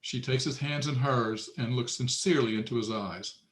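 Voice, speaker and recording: At a screenplay table read, a man acting as narrator reads the stage directions matter-of-factly in a medium-pitched voice at normal speed.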